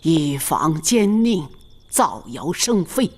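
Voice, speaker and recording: An actress playing an elderly grandmother who heads the household, giving calm, measured instructions. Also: deep voice, a little hiss or hum, full character voice. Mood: instructing. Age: older. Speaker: family matriarch.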